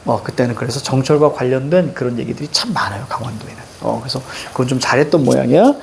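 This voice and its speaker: Brief: woman teacher, classroom lecture, gravelly voice, casual and jokey, slow verse reading. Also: rumbling low, darkish tone, slight background noise. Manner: chatty, jokey, reads verse slowly. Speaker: Korean literature teacher.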